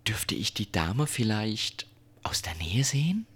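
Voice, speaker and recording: A woman's voice: very deep voice, big pitch swings, unhurried, husky, pitched below the performer's own voice, exaggerated voice. A woman voicing a small, proud and polite male hare in a storybook, speaking in a courteous, formal way.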